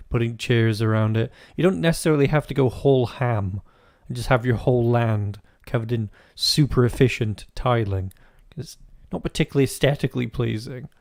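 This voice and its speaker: A man's voice: medium pitch, brisk, a little mellow, no echo, studio quality. Crude, joking male game commentator. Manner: crude, joking and rambling, with frequent restarts. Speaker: gaming video host. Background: faint game music.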